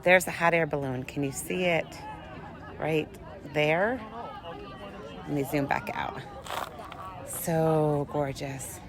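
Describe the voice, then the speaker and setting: A woman's voice: low voice, slow, long pauses, a crowd in the background, poor audio. A woman speaking in an enthusiastic, motivational vlog style into a handheld phone on an outdoor mountain trail, laughing often. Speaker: vlogger. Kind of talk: motivational vlog while hiking. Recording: outdoor noise with passing traffic.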